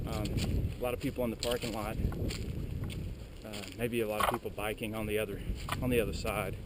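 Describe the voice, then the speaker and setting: A man talking casually to his viewers while hiking, rambling and filling pauses with lots of "uh"s. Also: lowish voice, little pitch movement. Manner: rambling, lots of filler words. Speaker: vlogger. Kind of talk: casual walking vlog. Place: outdoors on a windy mountain trail. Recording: strong wind noise outdoors. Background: wind.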